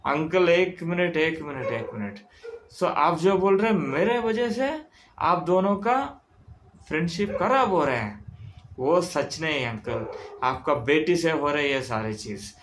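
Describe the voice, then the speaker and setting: A man's voice: on the high side, animated, unhurried, slight background noise. A man voicing an earnest teenage son who pleads politely but is upset. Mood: earnest pleading. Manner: pleading, defends his father.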